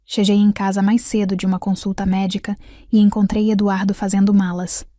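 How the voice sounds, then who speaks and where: A woman telling a sad first-person life story in a somber, measured scripted narration. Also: mid-range voice, level tone, mellow, no room sound, studio quality.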